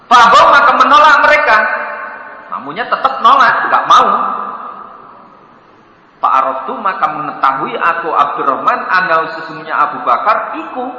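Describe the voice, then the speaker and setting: A male religious teacher reads and explains an Arabic text word by word. His voice is high, lively and bright. It echoes through a large hall, with dull sound. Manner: animated, playful explaining. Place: dormitory hall.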